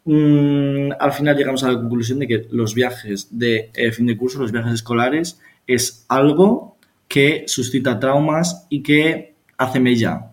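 A man's voice: mid-range voice, fairly even intonation, a little slow. Young man, casual podcast chat, teasing. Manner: teasing, joking banter. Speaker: podcast co-host.

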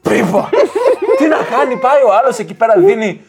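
A man's voice: very high-pitched, animated, over music. A young man in casual chat, telling a joke and laughing through the punchlines.

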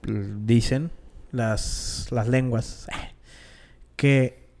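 A man with a Mexican accent telling stories casually on a podcast in slangy, halting speech with many pauses. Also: medium pitch, fairly even intonation, darkish tone, a little hiss or hum. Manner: halting, slangy, drawn-out storytelling. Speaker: podcast co-host. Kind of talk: casual conspiracy storytelling.

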